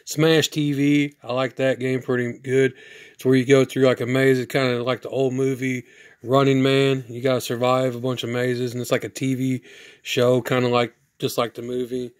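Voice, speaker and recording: A man with a hoarse, stuffy voice talks through a game cartridge in a rambling home video. His pitch stays mostly level and unvaried, sitting right at an ordinary middle height. The sound is close and dry, with little room echo. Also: normal speed. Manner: rambling, flat delivery with restarts. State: hoarse from sinuses. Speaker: product reviewer. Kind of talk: casual video review.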